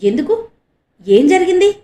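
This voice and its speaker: A woman's voice: high-pitched, expressive, a little slow. A woman voicing a young male reporter who comforts his younger sister with concern. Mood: anxious. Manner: eager, concerned, soothing. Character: young male reporter, protective elder brother. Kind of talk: audiobook character reading.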